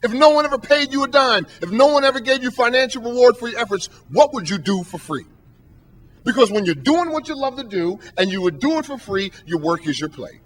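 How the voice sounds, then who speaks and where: A man's voice: extremely high pitch, expressive, a little fast, a bit bright. A man giving a motivational speech from a podium, emphatic and preacher-like, driving his points home with rhetorical questions. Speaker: motivational speaker and professor. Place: stage at a podium.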